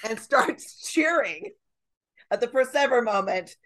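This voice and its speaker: Animated woman telling theater stories. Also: a little high, unhurried. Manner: animated storyteller, acts out quotes. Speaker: podcast guest, dramaturg. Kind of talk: casual chat.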